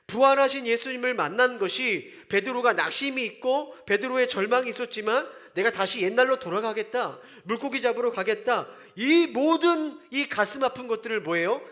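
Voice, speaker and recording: A man's voice: very high-pitched, pushed and bright. A male pastor preaching a sermon in church, emphatic and often putting rhetorical questions to the congregation.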